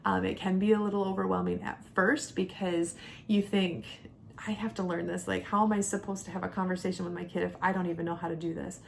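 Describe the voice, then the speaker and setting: A woman in her thirties speaks fast in a level tone, giving a casual product review as a homeschooling mom and breaking things down step by step. Background noise and a low rumble sit under the clear recording.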